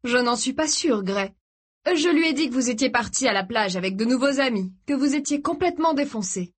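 A woman reading the part of a cruel young male captor who taunts his prisoners in a mock-gentle way. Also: high-pitched, lively intonation, a little fast, pitched above the performer's own voice. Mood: taunting.

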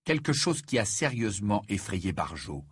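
A stubborn teenage boy wizard, played by a man in a storybook reading, only a little above his own voice. He talks insistently and irritably, with a husky, dry sound. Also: on the low side, very animated, normal speed, dry recording, heavily acted.

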